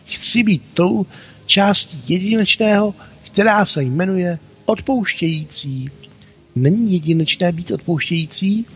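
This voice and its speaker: A man voicing a tiny, excitable girl soul in a story, asking eager, breathless questions. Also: sits high, slightly rough, muffled recording, faint music behind, voice pushed up, full character voice. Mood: excited.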